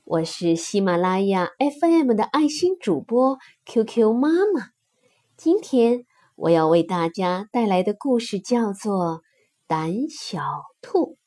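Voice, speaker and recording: A woman hosting a children's story session, narrating gently and expressively in a sing-song way. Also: medium pitch.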